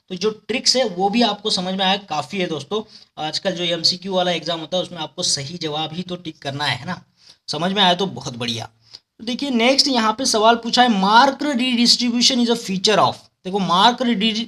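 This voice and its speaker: A man's voice: high-pitched, a bit bright. A man teaching pharmacology for exams, explaining step by step with memory tricks and often checking in with his listeners. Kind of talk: exam-prep lecture with memory tricks.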